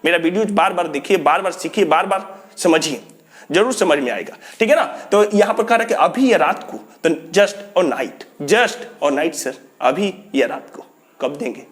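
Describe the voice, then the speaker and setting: A man's voice: on the high side, lively intonation, moderate pace. A young man teaching spoken English in a video lesson, drilling phrases by repeating them and chuckling often. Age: young adult.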